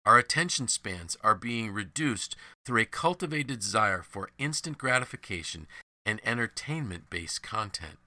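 Low, forceful male devotional storyteller. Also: animated, dry recording. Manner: measured, earnest storytelling. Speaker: devotional narrator.

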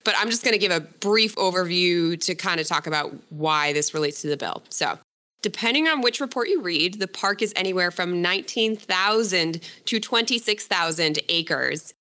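A woman with a bright, clear voice tells a story in a relaxed podcast chat. She keeps it loose and friendly, breaking off to laugh and fix her own words. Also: on the low side, moderate pace. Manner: chatty, self-correcting, laughs often. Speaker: co-host presenting a story.

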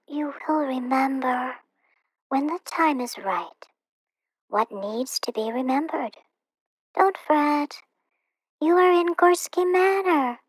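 A woman voicing a wise old female bird who caws and speaks softly, in whispered role-play. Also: high-pitched, no room sound, voice pushed up, poor audio. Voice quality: airy, cawing, soft-spoken.

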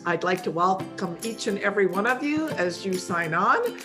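A woman hosting an online program for mothers, welcoming listeners informally in a chatty, halting way. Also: medium pitch, animated, over music. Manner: chatty, often chuckling, halting.

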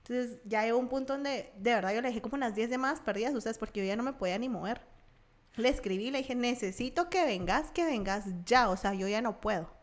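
A woman's voice: fairly high pitch, fast talker. A young woman from Guatemala with a Guatemalan Spanish accent, telling a personal story as a podcast guest and acting out the voices of the people in it. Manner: animated, acts out quoted voices. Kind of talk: casual storytelling.

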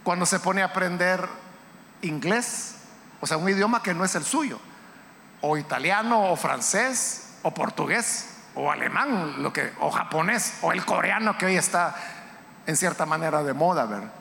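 High-voiced pastor preaching in a hall. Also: male voice, lively intonation, moderate pace, creaky. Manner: impassioned preaching, rising to shouts. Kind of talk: sermon. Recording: hall reverb, faint background noise.

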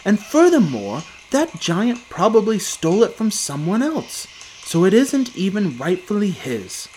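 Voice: mid-range voice, very animated, measured pace, a little mellow, slight background noise, voice pushed up. A storyteller voicing a poor, plucky young village boy in a children's story. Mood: eager.

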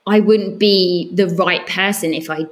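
Female podcast guest, Essex accent, slightly low voice, earnest and emphatic, conversational. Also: steady tone, a little slow. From Southend, Essex, England. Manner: earnest, emphatic, talks in long flowing answers. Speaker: podcast guest, communications professional. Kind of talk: conversational interview answers.

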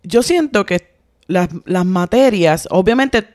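A middle-aged woman talks in a casual podcast conversation, laying out her points in a measured, explanatory way. Her voice sits at an ordinary middle pitch and is recorded dry and close, with no room sound at all. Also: lively intonation, darkish tone, no room sound. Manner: thoughtful, explains ideas step by step. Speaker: podcast co-host.

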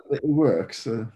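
A man's voice: medium pitch, dark tone, a little hiss or hum. A Welsh man, an author being interviewed, chatting casually and hesitantly with a Welsh accent. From Wales. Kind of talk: casual chat.

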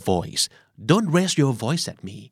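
A Thai man in his forties hosting a podcast English lesson, chatty and lively, reading the English examples slowly and clearly. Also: fairly high pitch, no room sound, clean studio sound. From Thailand. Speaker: podcast host and English teacher. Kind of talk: relaxed podcast vocabulary lesson.

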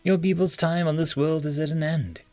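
A man voices a quiet, patient interrogator who keeps his tone low and even. He sounds controlled and coaxing, recorded close and dry. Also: normal speed, dry recording, faint music behind, natural voice. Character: patient male human interrogator.

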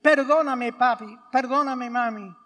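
A man's voice: very high-pitched, measured pace, fairly bright tone. A man voicing a small boy who begs his parents to forgive him, in a tearful pleading way. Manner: tearful begging. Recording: church with long reverb.

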